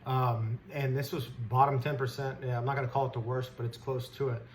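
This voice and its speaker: This man, a stock trader who hosts commentary, delivers an indignant, blunt rant off the cuff, using casual language at a brisk pace. His voice is medium-pitched and level, and there's background noise in an otherwise clear recording.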